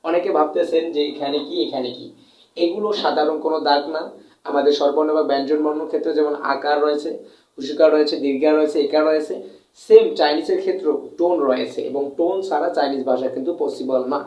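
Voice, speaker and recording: A Bangladeshi Chinese teacher gives a classroom lesson in Bengali, stretching out sounds to demonstrate tones while repeating points and answering his own questions. His high, mellow voice is quick with fairly even intonation. The lo-fi recording comes from a distant mic in an echoey room.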